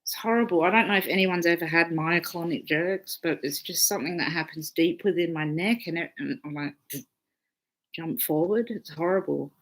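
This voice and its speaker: A woman's voice: lowish voice, normal speed. Chatty, sweary woman astrologer. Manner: chatty, swears freely, reads viewer comments aloud. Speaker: astrologer hosting a live stream. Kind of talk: casual live-stream chat.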